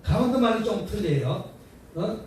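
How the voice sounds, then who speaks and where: A man with a very high voice preaches a revival sermon, folksy and full of rhetorical questions, calling the congregation to answer back. He is caught from well off the mic in a booming, echoey prayer-house hall, with a faint hiss behind. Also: sing-song, moderate pace, a little mellow, far from the mic. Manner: call-and-response, drawing answers from the congregation. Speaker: pastor.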